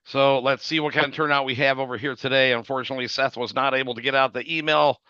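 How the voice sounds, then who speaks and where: A man with a raspy voice hosting a weekly video-call livestream, opening the show in a casual, chatty way. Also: mid-range voice, steady tone, fast talker, sharp tone, no room sound, dull audio. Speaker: livestream host.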